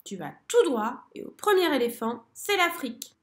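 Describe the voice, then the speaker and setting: A woman voicing a boastful, bossy male blackbird who exclaims loudly. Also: high voice, big pitch swings, normal speed.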